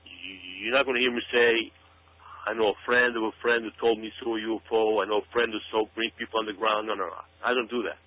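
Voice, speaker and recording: This radio show guest, a man with a fairly low pitch and little pitch movement, talks fast and emphatically about conspiracy theories, repeating phrases for emphasis. There's no echo, though the audio has a narrow, phone-like radio quality.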